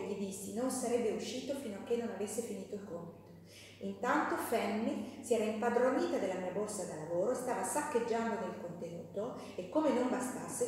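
A woman's voice: mid-range voice, darkish tone. A woman teaching a live class, talking casually with fillers and self-corrections and reading passages from a novel aloud. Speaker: teacher leading a women's class. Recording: echoey hall, voice from far off.

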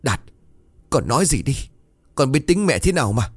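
A man voicing a grieving elderly village mother in a ghost story, pleading in a high, tearful voice. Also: very animated, moderate pace, husky, no echo, clean studio sound.

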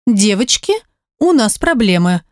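Woman playing a brisk, bossy tiny blonde, audiobook. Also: mid-range voice, very animated, no room sound, studio quality. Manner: brisk, takes charge. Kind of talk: audiobook character reading.

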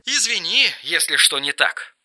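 A man voicing an erratic, mocking young man on the phone in an audiobook reading, shrill and teasing. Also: full character voice. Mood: sly. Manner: shrill, teasing, quick swings to flat calm.

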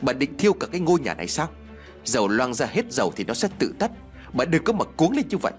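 A stubborn village husband in a spoken ghost story, gruff and quick to scold, as the narrator voices him. He brushes off every worry in a low, curt voice. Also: faint music behind, close to an everyday voice. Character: stubborn middle-aged village husband, dismissive.

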